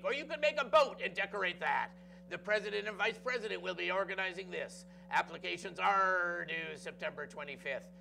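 High, bright, gravelly student anchor man. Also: slight background noise, low-quality recording. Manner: playful, drops into pirate growls. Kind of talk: school news broadcast with pirate talk.

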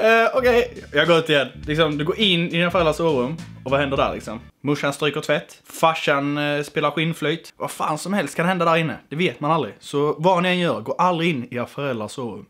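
A man's voice: on the high side, fairly bright tone. A young man chatting casually on his vlog, joking and swearing, dropping in English phrases. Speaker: YouTuber.

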